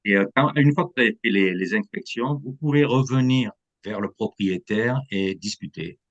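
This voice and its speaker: Man, low voice, from France, real estate agent explaining the market, drops English terms. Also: normal speed, highs cut off. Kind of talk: interview answers.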